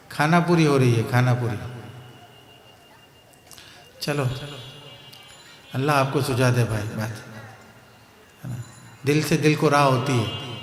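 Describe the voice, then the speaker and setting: A man's voice: fairly high pitch, fairly bright tone, roomy sound, in a large hall. A Pakistani man with a Pakistani Urdu accent giving a sermon at a religious gathering, telling parables, repeating key phrases and checking whether the crowd understands. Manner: keeps asking the crowd if they understand. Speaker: guest preacher.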